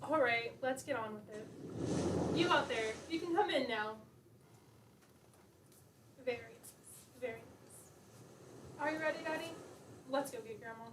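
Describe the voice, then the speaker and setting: A woman's voice: a little high, measured pace, long pauses, noisy background, close to an everyday voice. A woman playing a domineering, impatient wife in an absurdist stage play, curt and commanding. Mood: brisk, commanding. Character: bossy, impatient, domineering wife called Mommy. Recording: echoey stage, far off, loud music.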